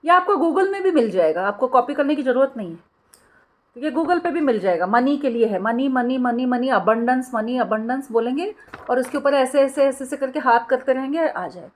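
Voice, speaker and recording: A middle-aged woman with a somewhat higher voice talks casually to her viewers, mixing English words into her talk. Her tone is chatty and personal, as if she is sharing a story with friends. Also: lively intonation, brisk. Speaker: spiritual channel host.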